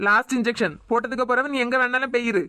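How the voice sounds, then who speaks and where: A woman with a Kanyakumari Tamil accent voicing a teasing, devoted young male doctor in a cartoon, scolding in quick banter. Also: on the high side, steady tone, bright, forceful tone, clean tone, no echo. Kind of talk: cartoon voice acting.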